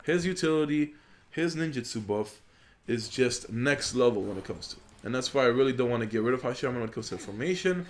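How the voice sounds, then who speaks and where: A young adult man, a gaming YouTuber who is a native Polish speaker raised in Poland, talks at a quick pace in a medium-pitched voice. His commentary over gameplay, delivered into a USB desk microphone, is relaxed, rambling, and heavy with fillers.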